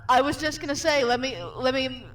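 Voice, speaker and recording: A woman making easygoing, dryly funny remarks while playing a game with a friend. Her voice sits slightly high. Faint music runs underneath. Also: steady tone, fairly quick. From Finland. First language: Finnish. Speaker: co-player. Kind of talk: casual live game chat.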